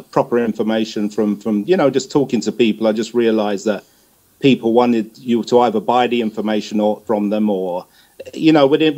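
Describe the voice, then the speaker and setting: A middle-aged man with a warm, lowish voice gives a conversational interview answer. He is a guest, a music promoter and manager, and speaks hesitantly, repeating words as he feels his way forward.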